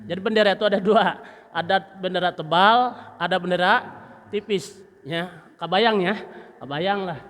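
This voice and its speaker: A man teaching Quran recitation at a mosque study session, demonstrating letter sounds and slowly chanting verses. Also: high voice, fairly bright tone. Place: mosque hall. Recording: long reverb of a mosque hall.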